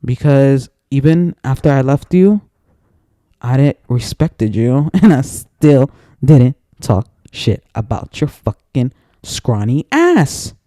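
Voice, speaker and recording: A man's voice: mid-range voice, very animated, slow, dark tone, no room sound, clean studio sound. A man in an angry, profane, rambling personal rant to camera, repeating himself as he gets worked up. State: emotionally worked up.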